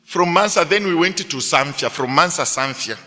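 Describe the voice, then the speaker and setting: A middle-aged male pastor preaching to students, telling a story with animated delivery and frequent rhetorical questions. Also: on the high side, moderate pace, in a large hall. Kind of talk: sermon to students.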